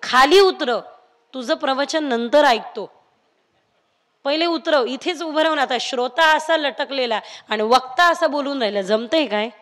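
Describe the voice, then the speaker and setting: High-voiced woman telling a devotional story. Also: moderate pace, fairly bright tone. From India. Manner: acts out dialogue of Krishna and gopis with shifting voices. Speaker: kathā storyteller.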